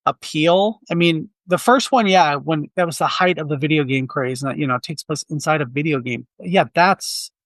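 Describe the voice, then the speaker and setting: A man from the Quad City area co-hosts a film podcast, chatting candidly and ramblingly about movies with many restarts. His voice is on the high side and fairly bright, with no echo.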